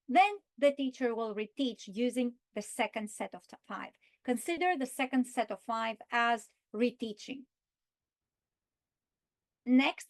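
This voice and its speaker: A woman with a fairly high voice explains a reading lesson plan to teachers. She speaks slowly and deliberately. She draws out words as she models how to say them. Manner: slow, deliberate delivery, stretching key words when modeling. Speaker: teacher trainer. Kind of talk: instructional walkthrough with modeled lesson script.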